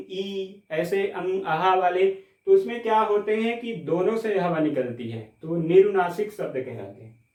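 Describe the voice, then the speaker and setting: A man teaching a Hindi grammar class, explaining step by step, checking with the class, and stretching out sounds slowly to demonstrate them. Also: sits high, a little mellow, distant mic. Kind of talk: classroom lecture. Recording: echoey room, mic set back.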